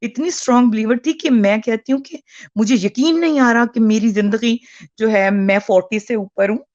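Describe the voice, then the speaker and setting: A woman's voice: a little high, normal speed, darkish tone, no room sound, highs cut off. A woman in her forties phoning in as a caller over a call line, speaking earnestly with frequent hesitations and restarts. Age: 40s. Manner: hesitant, with many fillers and restarts.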